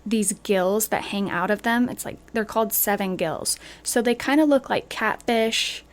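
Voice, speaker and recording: Young woman, podcast chat, mid-range pitch, enthusiastic and chatty. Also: normal speed. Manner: enthusiastic, chatty, filler-heavy.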